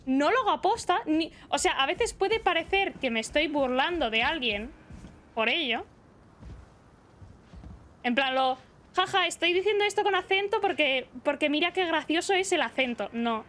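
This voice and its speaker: Chatty young woman streamer, high voice. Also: fairly bright tone, a little hiss or hum. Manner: chatty, reads chat aloud, rambling. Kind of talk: casual chat while gaming.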